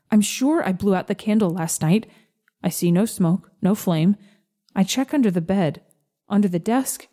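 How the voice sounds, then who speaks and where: A woman narrating a first-person story in a slow, gentle, measured reading. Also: medium pitch.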